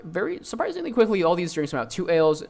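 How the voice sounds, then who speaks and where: A man's voice: high-pitched, big pitch swings, quick pace, vocal fry, a little mellow. A young man running a tabletop game as dungeon master, narrating with many fillers and restarts.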